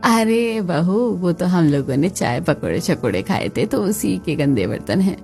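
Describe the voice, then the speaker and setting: Brief: woman voicing a scolding cartoon mother-in-law, mellow and lowered, soft music under. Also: big pitch swings, normal speed, gravelly.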